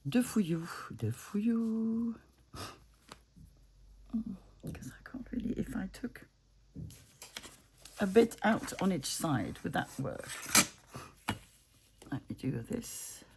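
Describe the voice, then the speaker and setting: A woman's voice: mid-range voice, sing-song, slow pace, creaky, long pauses. A woman vlogger from France and Italy, thinking aloud and chatting to her craft materials, often dropping to a whisper. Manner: muses aloud, talks to her craft pieces, drops into whispers. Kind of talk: casual talk-along while crafting.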